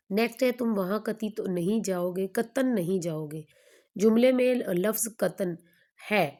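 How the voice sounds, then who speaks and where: A woman teacher going through an exam paper question by question, stating each answer in a steady, explanatory way. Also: fairly low pitch.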